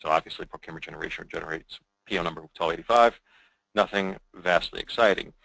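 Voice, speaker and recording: In a fast, conversational software demo, a man with a deep, crisp and forward voice walks through the material like he's showing colleagues slides, often asking "right?". The audio is close and dry with no room sound, and the quality is poor.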